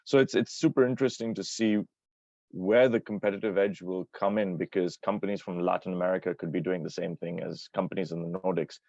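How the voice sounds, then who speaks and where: A man's voice: deep voice, steady tone, a little fast, creaky, a little mellow, no echo, muffled recording. A man co-hosting a podcast, asking long, winding questions with many restarts. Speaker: podcast co-host. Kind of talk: interview questions.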